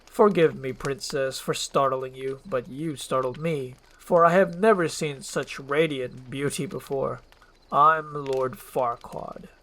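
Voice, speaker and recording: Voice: medium pitch, slow, a bit bright, low-quality recording. A performer voicing a pompous, vain and scheming little male lord with a theatrical manner. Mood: oily charm.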